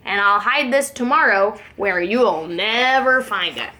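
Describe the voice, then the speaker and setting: A woman's voice: mid-range voice, unhurried, sharp tone. A dismissive eagle sneers and mocks, as a woman reading a storybook puts him on. He sounds scornful and sure of himself. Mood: sneering.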